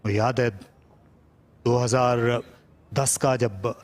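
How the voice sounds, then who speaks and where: A Pakistani man giving measured live play-by-play cricket commentary in descriptive, formal wording. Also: medium pitch, fairly even intonation.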